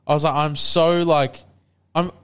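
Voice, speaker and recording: A young man with a clean, smooth voice. He tells stories casually, in a laddish way full of slang and swearing. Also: on the high side, level tone, a little slow, fairly bright tone. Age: young adult. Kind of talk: casual chat, storytelling.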